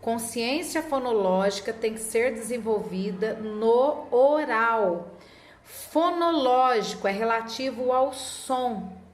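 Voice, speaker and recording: A woman's voice: on the high side, animated. A woman literacy teacher explaining classroom methods to other teachers, sometimes acting out how she chants words with children. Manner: demonstrates classroom chanting, slow and deliberate. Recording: echoey room with faint ambience.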